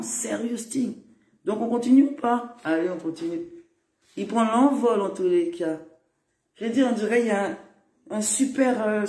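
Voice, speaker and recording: Man, high mellow voice, loose chatty live-stream rambling in an echoey room. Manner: rambling, chatty, laughs often, greets viewers. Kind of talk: casual live-stream monologue. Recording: roomy echo.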